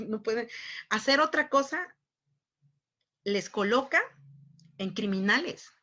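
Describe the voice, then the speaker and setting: A woman's voice: on the high side, lively intonation, takes it slowly, pushed and bright. A woman with a Mexican accent giving a conference talk in a conversational way. She often ends remarks with rhetorical questions and acts out other people's voices. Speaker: conference speaker on human rights. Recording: muffled lo-fi recording.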